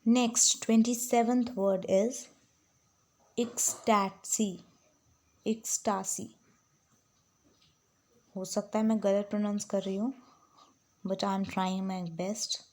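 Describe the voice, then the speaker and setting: Slow, careful woman dictating spellings. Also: medium pitch, little pitch movement, a little mellow. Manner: dictates words slowly, then spells them letter by letter; mixes English with Hindi explanations. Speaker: online spelling tutor. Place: home room with some background sounds.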